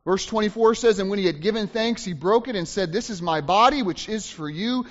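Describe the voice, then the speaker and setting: A high-pitched male pastor delivers an emphatic sermon, hammering home key phrases by repeating them. His voice rings out through a long hall reverb in a church sanctuary. The recording itself sounds dull and muffled. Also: brisk.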